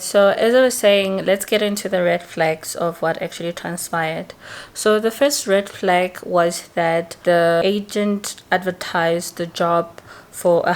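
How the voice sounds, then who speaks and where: A woman who teaches English, chatting casually to camera as she tells a long story and often tacks a questioning "right?" onto her sentences. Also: lowish voice. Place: indoors, lawnmower outside.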